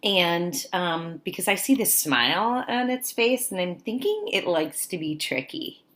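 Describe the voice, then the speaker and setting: With a lowish voice, a teacher reads aloud from a picture book for young children, animated and gently persuasive. She pauses from time to time to invite their answers to her questions.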